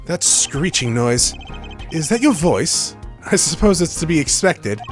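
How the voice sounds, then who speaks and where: A man voicing a composed senior defence lawyer from a video game, measured, formal and dryly teasing. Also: a little high, sing-song, soft background music.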